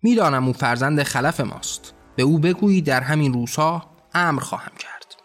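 A raging, tyrannical god rants and roars threats at his court, as a man puts him on. The voice sits somewhat high, and soft music plays beneath it. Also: animated, close to an everyday voice. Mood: bitter. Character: wrathful tyrannical male god ruler.

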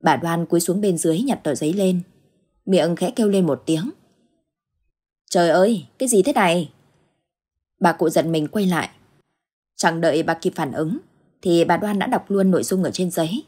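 A woman narrating a ghost story in steady, measured scripted storytelling. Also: on the low side, breathy edge.

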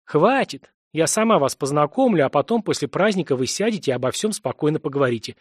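A man's voice: a little high, expressive, quick pace, breathy edge, no room sound. A man reading the part of a stern, commanding grandmother who talks curtly with dry irony. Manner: curt, bossy, dryly ironic.

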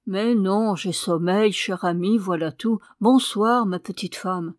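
Une femme qui prête sa voix à un jeune mari somnolent et grognon, parlant à moitié endormi. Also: female voice, medium pitch, slow pace, a little mellow, no echo, studio quality, natural voice. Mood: drowsy. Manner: drowsy, grumbling. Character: sleepy, grumbling young husband.

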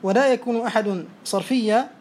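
A man teaching Arabic morphology, quizzing students and briskly praising each answer. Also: very high voice, darkish tone. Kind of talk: oral quiz lesson. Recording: faint background noise.

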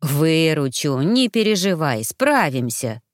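A woman voicing a brisk, businesslike older neighbor woman in a storybook reading. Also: low voice, sing-song, dry recording, studio quality, exaggerated voice.

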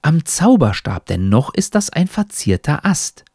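A man's voice: fairly high pitch, sing-song, unhurried, warm tone, husky, no echo, studio quality, exaggerated voice. A man voicing a pompous, lecturing old talking hat with a stilted, old-fashioned way of speaking.

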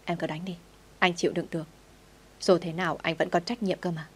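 A woman's voice: on the low side, little pitch movement, brisk, breathy edge. A woman reading the lines of an earnest son of thirty pleading with his mother.

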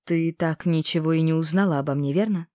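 A cold, mocking male inquisitor, put on by a woman reading an audiobook, who drags out his threats slowly and deliberately. The voice sits a little low, and the recording is close and dry. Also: a little mellow, dry recording, lightly acted. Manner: slow, measured, threatening. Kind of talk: audiobook character voice.

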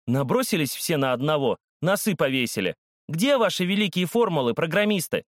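A man's voice: on the high side, very animated, brisk, dry recording, clean studio sound, pitched above the performer's own voice. A man voicing a bossy eighth-grade girl who scolds the boys scornfully.

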